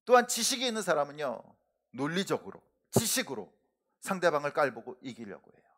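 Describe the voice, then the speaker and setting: A middle-aged male pastor preaching in a church sanctuary. His voice sits fairly high and rises and falls a great deal, climbing hard on key words and trailing softly at the ends of sentences. The delivery is earnest and emphatic. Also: very animated, fairly quick. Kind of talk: sermon.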